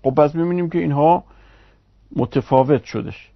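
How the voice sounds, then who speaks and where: A man giving a recorded online grammar lesson, explaining step by step at a measured pace with pauses and fillers. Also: fairly high pitch, lo-fi sound. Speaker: Arabic grammar teacher.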